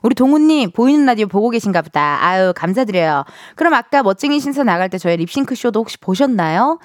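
A woman radio DJ chatting casually and playfully in a studio, expressive and self-teasing as she hosts. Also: fairly high pitch, fast, no echo. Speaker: radio DJ, show host. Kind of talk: casual chatty radio hosting, reading listener messages.

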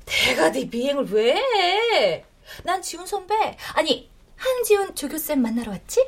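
High, lively voice: a woman as a provocative, mocking young teacher in an audio drama. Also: unhurried, creaky, exaggerated voice. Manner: teasing, needling, turns to shrill panicked shouting. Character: cheeky young female lecturer, provocative and mocking.

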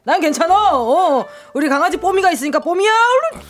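A woman's voice: extremely high pitch, very animated, brisk, faint music behind. A woman playing a bumbling, flustered grandfather. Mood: doting. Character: clumsy, ignored middle-aged grandfather.

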